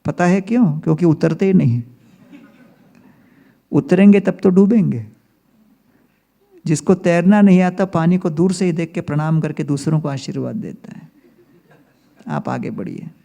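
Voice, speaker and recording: A man's voice: high-pitched, vocal fry, warm tone. A man giving a religious storytelling lecture as a spiritual teacher, telling humorous anecdotes and mixing in English phrases.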